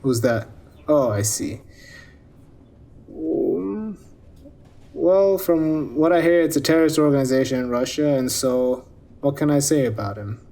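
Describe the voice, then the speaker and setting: A man's voice: fairly high pitch, expressive, unhurried, vocal fry, long pauses, warm tone. A man being interviewed, answering hesitantly, unsure and evasive.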